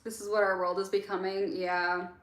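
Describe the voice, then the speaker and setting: A woman's voice: medium pitch, level tone, normal speed. A young woman born in Egypt, casually chatting with viewers on a late-night livestream, answering chat questions with lots of fillers. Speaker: livestream host. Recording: roomy echo with faint music.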